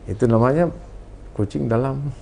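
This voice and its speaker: A man's voice: mid-range voice, normal speed, vocal fry, mellow, husky. A man with a South Sulawesi Indonesian accent, a party campaign official on a talk show, speaking earnestly and listing his points one by one. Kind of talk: political talk show discussion.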